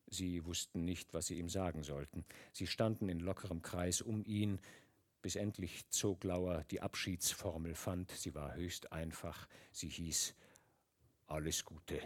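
A man reading a novel aloud in an expressive, dramatic narration. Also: deep voice. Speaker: audiobook reader. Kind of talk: literary audiobook narration.

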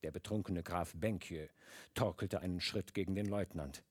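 A man reading a novel aloud in an expressive, dramatic narration. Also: sits low, moderate pace, slightly rough. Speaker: audiobook reader. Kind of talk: literary audiobook narration.

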